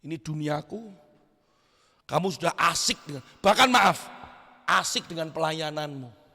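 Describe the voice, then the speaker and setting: High-pitched, gravelly preacher. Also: male voice, a little slow. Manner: lively preaching, swings from shouts to quiet asides. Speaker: pastor. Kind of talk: youth sermon. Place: church hall. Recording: echoey church hall.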